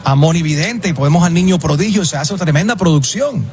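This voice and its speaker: A man's voice: on the high side, fast. A man hosting an interview, chatty and joking, often stumbling over his words. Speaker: interview host. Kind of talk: casual interview chat.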